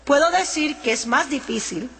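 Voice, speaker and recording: A woman's voice: high-pitched, lively intonation, moderate pace, fairly bright tone. A woman preaching a sermon, earnestly reading scripture and teaching from it. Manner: earnest, reads scripture aloud between teaching. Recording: long hall reverb.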